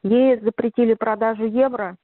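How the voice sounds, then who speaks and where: A woman's voice: on the high side, steady tone, moderate pace, dry recording. A middle-aged woman chats casually on the phone. The line is tinny and narrow, with little room sound, and her talk rambles along in everyday slangy language. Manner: rambling, colloquial. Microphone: telephone.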